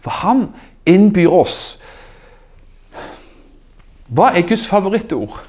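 A man preaching a sermon in an animated, emphatic way, asking the audience questions. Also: high-pitched. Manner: animated, rising emphatic exclamations.

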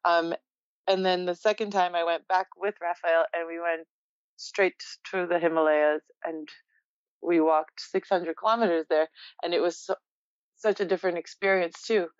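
Laughing, reflective woman with a low voice. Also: moderate pace, clean tone, dry recording, dull audio. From Poland. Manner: relaxed, reflective, laughs often. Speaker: interview guest. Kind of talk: casual interview chat.

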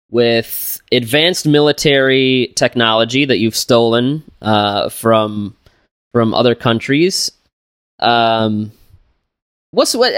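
Podcast co-host, man, unhurried jokey plot recaps, dry close sound. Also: mid-range voice, fairly bright tone, no echo. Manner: rambling, many fillers and restarts; jokey, laughs while retelling plots. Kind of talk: casual film podcast chat.

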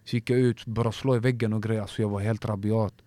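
Appearing as a guest on a relaxed podcast, this MMA fighter speaks in a lowish, dark voice with flat delivery and no echo. He recounts a fight with feeling but stumbles through it, restarting repeatedly and padding with fillers.

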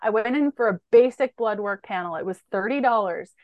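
A woman's voice: mid-range voice, fairly quick, dry recording, muffled recording. A woman, a holistic nutritionist being interviewed, who explains at length and lists lab markers one after another in a methodical way.

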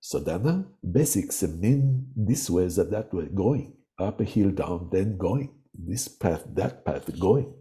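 A man's voice: deep voice, animated, warm tone. A man putting on an old Tibetan lama, heavy accent. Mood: halting, slow. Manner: halting, slow, verbs at the end of phrases. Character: elderly male Tibetan lama speaking broken English.

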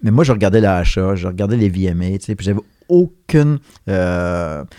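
A middle-aged Québécois man talking as a guest in a relaxed chat. His voice is low and warm, and he speaks in an earnest, reflective way. The sound is dry and close. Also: fairly quick, no echo. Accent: Québécois French. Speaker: guest, veterinary association co-president. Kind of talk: casual conversation.

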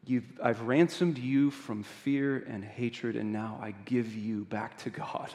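A man voicing a merciful older bishop in a retold story, speaking softly and solemnly. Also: sing-song, normal speed. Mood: hushed, solemn. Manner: soft, low and solemn. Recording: long reverb of a large hall.

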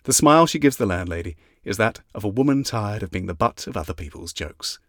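A man narrating an audiobook in a measured, even reading. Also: fairly low pitch, no echo, clean studio sound. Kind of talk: scripted narration.

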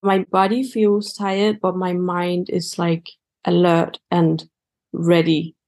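A woman's voice: on the low side, flat delivery, takes it slowly, darkish tone. A woman guest who works as a coach, talking casually about her work with hesitant phrasing and frequent fillers. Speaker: guest, a coach and public speaker. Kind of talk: casual conversation.

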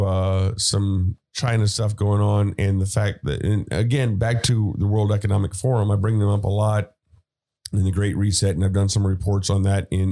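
Male podcast host, lower register, casual commentary delivery. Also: a little mellow. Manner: conversational, with fillers and asides.

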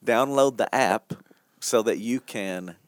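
A man's voice: fairly low pitch, slow pace, clear, resonant tone, no room sound, clean studio sound. A man co-hosting a church podcast, chatting casually and teasing his co-hosts with a laugh. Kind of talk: casual chat.

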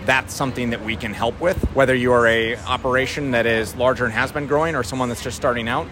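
A man's voice: medium pitch, fairly even intonation, fast talker. A man with a North Dakota accent explaining things in a plain-spoken, conversational way as an interviewed company representative. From North Dakota, USA. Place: outdoors at a busy farm trade show. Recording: outdoor crowd and vehicle noise.

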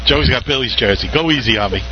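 A man's voice: medium pitch, fast. A chatty, informal man giving casual live race commentary and telling stories. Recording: muffled and very noisy trackside audio.

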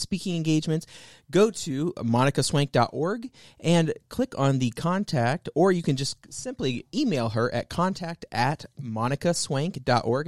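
A man's voice: medium pitch, no echo. Casual male radio co-host, dry sound.

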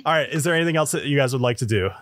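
A man's voice: medium pitch, lively intonation, rapid-fire, fairly bright tone. A man narrating as game master in an informal, conversational way during a tabletop game.

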